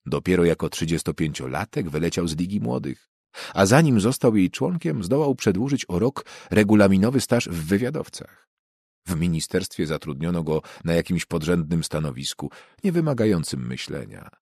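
A male audiobook narrator with a very low, husky voice, reading in a measured, even manner. The sound is dry and close to the microphone. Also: no echo. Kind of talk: scripted narration.

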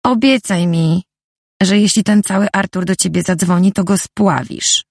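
A woman reading an audiobook, voicing the narrator's protective, bossy female friend with a slightly higher, insistent voice. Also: moderate pace, slightly rough, dry recording, studio quality. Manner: insistent, warning tone.

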